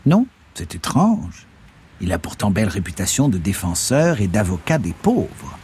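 A man voicing an excitable, loud older country uncle in an audiobook reading, agitated and pressing. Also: lowish voice, a little slow, a little hiss or hum.

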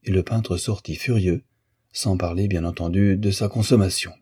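A man reading a literary novel aloud as an audiobook narrator, in a measured, even way. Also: sits low, husky.

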